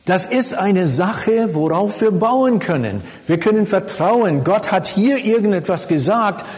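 A man preaching a sermon and teaching on a Bible passage, speaking slowly and deliberately and repeating key words for emphasis. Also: high voice, lively intonation, a little mellow. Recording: long reverb of a large hall.

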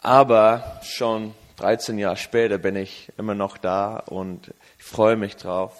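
A man's voice: on the low side, fairly even intonation, slow pace. A man from England preaching at a church service, speaking German hesitantly with many fillers, then in English for an interpreter. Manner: rises to an emphatic, raised preaching voice in English. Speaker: guest preacher. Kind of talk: sermon with live interpreter.

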